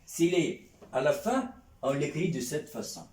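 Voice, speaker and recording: A man's voice: on the high side, lively intonation, measured pace, a little mellow. A man teaching a lesson in French, patiently repeating sounds and checking on his students with a questioning "hein?". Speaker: Arabic teacher. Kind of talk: classroom lesson. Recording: roomy echo, distant mic.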